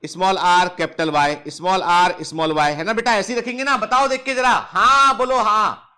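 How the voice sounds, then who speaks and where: A man's voice: high voice, brisk, a bit bright, smooth. A man teaching biology in an online lecture, drilling his students with repeated questions and playful scolding. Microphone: touchscreen device close up.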